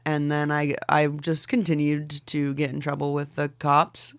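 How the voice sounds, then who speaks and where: Low-voiced and monotone at a moderate pace, a podcast guest in her forties talks loosely and chattily, full of "like"s and fillers, with the odd casual swear. She's a fashion designer from Oregon, in the Pacific Northwest.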